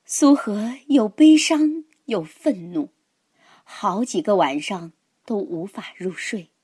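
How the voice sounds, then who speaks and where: A woman narrating a children's story in a gentle, expressive, dramatic way. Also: medium pitch, slow pace, slightly rough, no room sound, clean studio sound.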